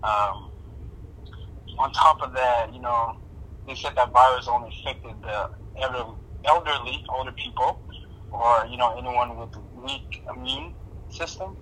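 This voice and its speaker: A man's voice: mid-range voice, measured pace, bright, forceful tone, a little hiss or hum, low-quality recording. A young man from Somalia answering interview questions in a casual, hesitant way, with many fillers and restarts. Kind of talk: casual oral history interview.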